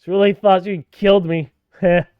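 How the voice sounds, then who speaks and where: A man playing a video game and commenting in a playful, sarcastic way, with sudden loud outbursts. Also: high voice, little pitch movement, moderate pace, clear, resonant tone, no echo, phone-quality sound. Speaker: let's play gamer.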